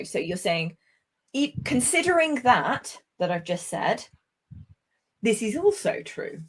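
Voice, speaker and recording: A woman's voice: fairly low pitch, breathy edge. Woman, from Britain, English teacher, patient and encouraging, video call sound. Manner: encouraging, praising and correcting slowly. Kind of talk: online speaking lesson.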